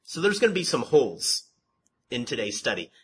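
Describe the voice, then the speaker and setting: A man leads a Bible study at a moderate pace in a mid-range voice, talking in a conversational sermon style. He uses rhetorical questions, repetition, and restarted words, describes his voice as monotone, and slight background noise is present.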